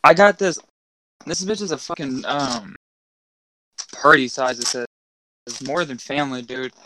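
A man's voice: medium pitch, measured pace, pushed and bright, a little hiss or hum, rough recording. A man co-hosting a podcast in casual chat, crude and joking, chewing snacks as he talks. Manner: crude, joking, laughs a lot. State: eating while talking. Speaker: podcast co-host.

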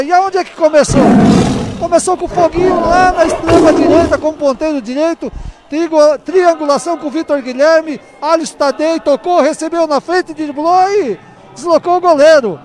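Very high-pitched excited Brazilian male football commentator. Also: moderate pace, a faint crowd. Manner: emphatic, short stacked phrases with rhetorical questions. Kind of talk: excited post-goal analysis.

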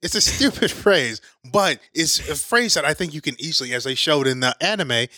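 A man's voice: a little high, animated, fairly quick, crowd noise. A man co-hosting a podcast, chatting casually and arguing his point with playful restarts. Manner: opinionated, restarts often, playful. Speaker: podcast co-host. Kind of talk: casual chat.

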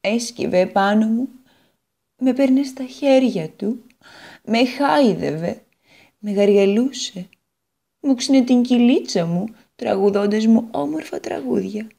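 A woman's voice: a little high, expressive, creaky, dark tone, pitched above the performer's own voice. A woman voicing a proud, wistful female guitar in a children's storybook read on the radio, sighing and bitter as she talks.

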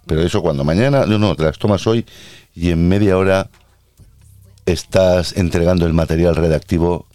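A man's voice: low-pitched, normal speed, mellow, no echo, close to an everyday voice. A man voicing a motherly woman friend who gives bossy, doting advice.

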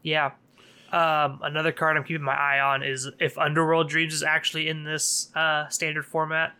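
A man with a bright, forceful voice talks casually on a podcast, pitched a little higher than most men. He leans into sarcasm and laughs often. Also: monotone, normal speed, smooth. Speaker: podcast co-host. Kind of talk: casual card game chat.

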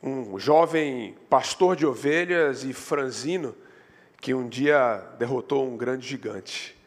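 A Brazilian man preaching a sermon as a pastor, in storytelling style, his voice rising in pitch and force on the points he stresses. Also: takes it slowly. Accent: Brazilian Portuguese. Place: church sanctuary. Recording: long hall reverb.

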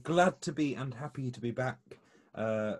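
A man co-hosting a podcast in relaxed, halting chat. He pads his talk with fillers and restarts. He speaks into a microphone on a remote call. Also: mid-range voice, no echo. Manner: chatty, hesitant with fillers. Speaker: podcast co-host. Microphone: remote call mic.

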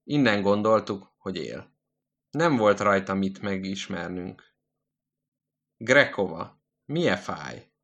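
A man narrating literary prose in a measured, deliberate reading. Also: sits low, animated, a bit bright.

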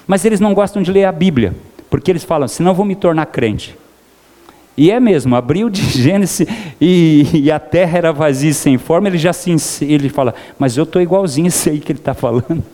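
A man's voice: fairly high pitch, warm tone. Preaching Brazilian man in a reverberant hall. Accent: Brazilian Portuguese. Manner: preacherly, calls out to the congregation. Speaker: pastor. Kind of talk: sermon. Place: church.

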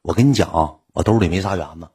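A man's voice: low voice, very fast, mellow. A man with a Northeastern Chinese accent who tells his own story to viewers in a blunt, colloquial way. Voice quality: very husky.

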